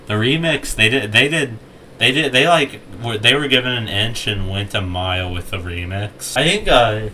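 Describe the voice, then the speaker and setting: Low rambling young man. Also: normal speed, sharp tone, slight background noise. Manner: rambling, lots of restarts and jokey asides. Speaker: co-host ranking game tracks. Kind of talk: casual gaming chat.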